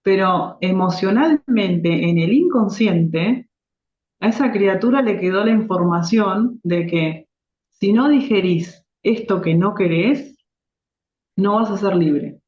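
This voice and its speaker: A woman's voice: mid-range voice, animated, slow pace. Woman, Rioplatense accent, middle-aged, therapist guest, reflective, restarts, echoey lo-fi. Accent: Rioplatense Spanish. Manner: reflective, explanatory, with frequent restarts. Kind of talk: conversational interview. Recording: echoey, dull lo-fi remote audio.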